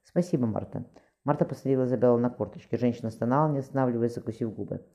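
A man reading an audiobook aloud, quick and even, with small slips. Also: medium pitch. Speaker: audiobook reader. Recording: muffled lo-fi recording.

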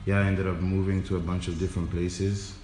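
Young male DJ guest, low monotone, relaxed and filler-heavy, roomy recording. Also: a little fast, faint music behind. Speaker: DJ and interview guest. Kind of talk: casual interview chat.

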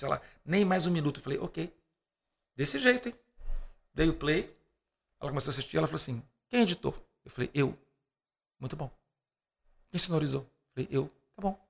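A gravelly, somewhat high-voiced Brazilian man guesting on a podcast is a lively storyteller who tells anecdotes with animation. He acts out dialogue in different quoted voices and laughs between the lines.

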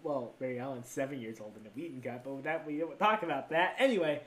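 A man's voice: medium pitch, fast, fairly bright tone. A young man co-hosting a podcast in casual chat, giggling and laughing often. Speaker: podcast co-host.

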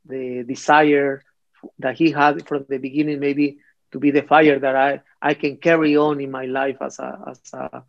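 A man from Mexico, a priest guest in a conversational interview, speaking in a hesitant, halting way with many restarts. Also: mid-range voice, level tone, gravelly. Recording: slightly dull audio with faint music.

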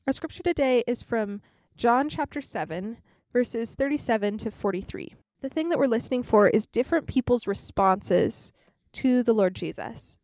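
A woman co-hosting a podcast, earnest and measured, who also reads scripture aloud. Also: on the high side, a little mellow, no echo, studio quality. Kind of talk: conversational discussion, reading scripture aloud.

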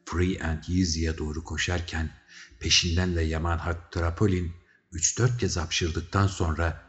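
A man's voice: low voice, little pitch movement, measured pace. A man narrating a story as a scripted audiobook reading, dramatic in delivery. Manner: dramatic storytelling, shouting characters' cries. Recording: slightly dull recording with faint music.

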